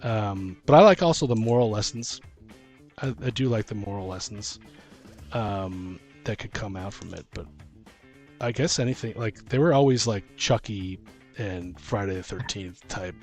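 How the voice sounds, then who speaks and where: With music playing in the background, a man co-hosts a laid-back tabletop gaming podcast, rambling and thinking aloud in his role as dungeon master. His voice is fairly low and a little mellow, moving at an ordinary speed.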